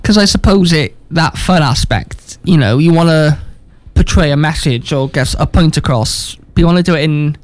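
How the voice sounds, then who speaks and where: Man, radio presenter, fairly high pitch, dry studio, friendly questions. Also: moderate pace, hardly any pauses, no room sound. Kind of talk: radio interview hosting.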